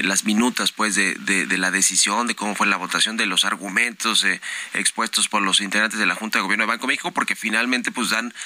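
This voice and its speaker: A man's voice: lowish voice, pushed and bright, a little hiss or hum. A man with a Mexican accent hosting a radio interview, asking long questions with many fillers and restarts. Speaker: radio host.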